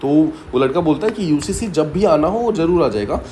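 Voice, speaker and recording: A man teaches exam students with a story-based mnemonic lesson, explaining step by step, frequently repeating key points and adding short English asides. His mellow voice is a little high, fairly quick and lively in intonation, with slight background noise.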